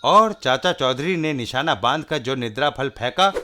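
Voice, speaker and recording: Bright, dramatic male comic-book narrator. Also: mid-range voice, lively intonation, normal speed, soft background music.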